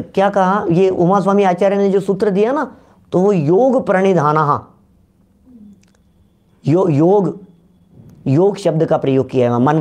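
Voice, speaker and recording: A man giving a Jain religious discourse in Hindi, questioning his listeners and reciting scripture slowly. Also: on the high side, darkish tone.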